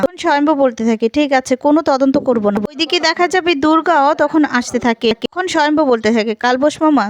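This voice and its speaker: A woman with a high voice casually retells a serial's plot scene by scene, voicing each character's lines herself. The sound is dry and close, with no room around her. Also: dry recording.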